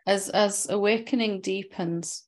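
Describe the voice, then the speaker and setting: A woman spiritual teacher in a satsang dialogue, reflective and gently probing, often closing her points with tag questions. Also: mid-range voice, steady tone, a little slow.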